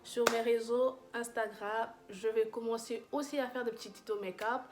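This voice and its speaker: A woman's voice: on the high side, fairly even intonation, moderate pace. Chatty young woman gushing over makeup. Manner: chatty, gushing, many fillers and restarts. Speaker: beauty vlogger. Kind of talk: casual makeup review vlog.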